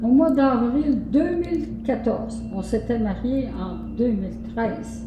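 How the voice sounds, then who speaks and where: A woman gently prompting her husband and supplying dates as he tells his story. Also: on the high side, measured pace. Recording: roomy with noticeable background hum.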